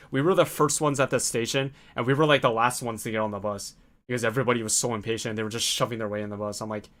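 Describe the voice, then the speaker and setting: A man's voice: mid-range voice, a bit bright. A young man telling a casual travel story, chatty and full of fillers, acting out quotes in his own voice. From North America. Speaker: vlogger.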